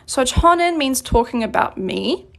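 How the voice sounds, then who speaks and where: High-voiced woman teaching a language lesson. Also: expressive, fairly bright tone. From New Zealand. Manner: clear, patient explaining, slows down on examples. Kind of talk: live-streamed grammar lesson.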